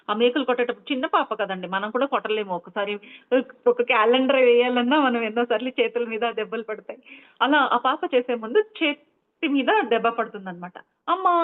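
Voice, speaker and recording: A woman meditation teacher retelling a story in a chatty, explanatory way, full of asides. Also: fairly high pitch. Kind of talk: storytelling talk. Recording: tinny phone-like line.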